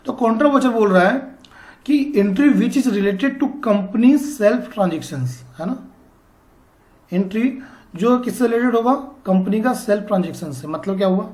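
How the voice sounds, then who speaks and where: A male accounting teacher giving a classroom lecture, explaining slowly and checking often that students follow. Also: high-pitched, a little mellow, roomy sound.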